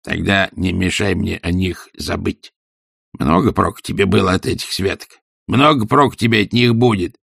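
A man voicing a grumpy old miser who growls his scornful retorts in a low, half-whispered mutter. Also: fairly even intonation, normal speed, vocal fry, a bit bright, breathy edge, no room sound, studio quality, full character voice. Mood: grumbling.

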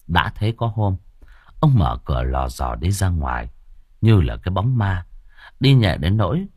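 A man narrating an audio story with a dramatic, expressive storytelling manner. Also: low-pitched, unhurried, husky, no echo, clean studio sound.

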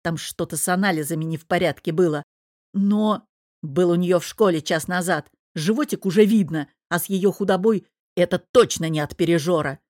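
A woman voicing a blunt, foul-mouthed male friend, reading him in a rough, bossy way in an audiobook. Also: lowish voice, normal speed, darkish tone, no room sound, clean studio sound, lightly acted. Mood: gruff. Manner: crude, swearing, bossy. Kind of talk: audiobook character voice.

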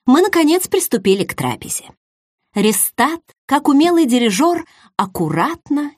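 A woman narrating a first-person fantasy audiobook in an expressive storytelling manner, on a close mic. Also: mid-range voice, husky, no room sound.

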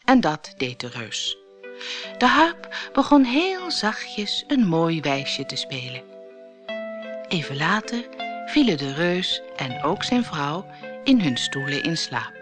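A woman from the Netherlands reading a fairy tale aloud for an audiobook, expressive and dramatic, with music playing behind. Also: low voice, slow pace. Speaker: storyteller. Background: background music.

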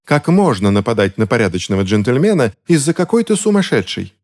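A man's voice: lowish voice, big pitch swings, a little fast, darkish tone, pitched above the performer's own voice. A haughty lady in a cloche hat, her voice lifted well above a man's, as a male narrator puts her on. She sneers and bristles with indignation, a snob from a storybook. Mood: indignant.

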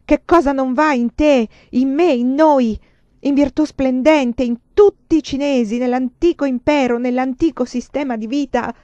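A woman's voice: a little high, normal speed, dark tone, dry recording, dull audio, voice pushed up, lightly acted. A woman doing an impassioned young Chinese lover. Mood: indignant. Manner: rising, pleading and indignant outbursts.

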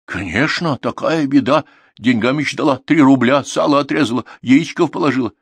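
A man's voice: medium pitch, husky, no room sound, pitched above the performer's own voice. A man voicing a simple, trusting old village grandmother with speech in an audiobook. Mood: warm. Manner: folksy, singsong, drawn-out dialect speech. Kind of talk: audiobook character reading.

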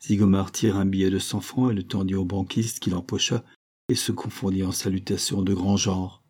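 Low, husky man narrating an old novel. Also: level tone, fairly quick, darkish tone. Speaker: audiobook reader. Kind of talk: scripted narration of a serial novel.

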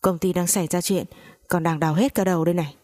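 A woman's voice: lowish voice, steady tone, quick pace, a little mellow, lightly acted. A woman voicing an irritable, spoiled young husband in a spoken story. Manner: irritable and complaining.

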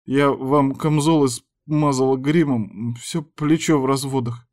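A man's voice: moderate pace, darkish tone, natural voice. A man voicing a sobbing young actress. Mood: bitter. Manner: sobbing, shrill outbursts. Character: heartbroken young actress, tearful and fiery.

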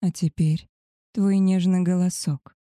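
A woman voicing a male werewolf alpha, a tender and possessive lover, in a soft, husky murmur for an audiobook. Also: on the low side, steady tone, measured pace, dry recording, clean studio sound, natural voice. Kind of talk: audiobook character voice.

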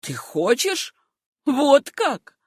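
Brief: woman reading a harsh, bullying uncle, loud and contemptuous, dry close audiobook sound. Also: mid-range voice, moderate pace, dry recording, natural voice. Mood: angry scolding. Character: stern angry middle-aged uncle, scornful and bullying.

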